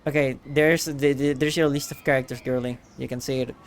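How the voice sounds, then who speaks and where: A man's voice: medium pitch, steady tone, a little fast, slight background noise. A man streaming a game, chatting casually in a hesitant way with frequent stammers. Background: game music.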